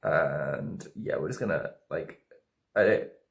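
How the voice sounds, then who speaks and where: Speaking slowly in a rumbling, gravelly low voice with lively intonation, a young man in his twenties who's drunk on wine rambles through a casual makeup tutorial to camera, doubting himself and losing his thread. He records in a roomy indoor home studio with a dark backdrop, where the sound echoes.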